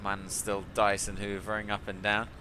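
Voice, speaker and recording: In a flight simulator live stream, a man chats and jokes with exasperation about ground crews and air traffic, often laughing at the ground crew. His lowish voice is pushed and bright, delivered completely flat at a moderate pace.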